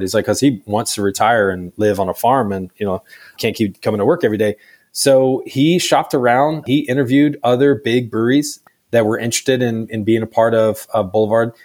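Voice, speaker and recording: A man's voice: fairly low pitch, a little mellow. A man answering interview questions about his brewery in a loose, chatty way, full of fillers. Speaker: brewery staff guest.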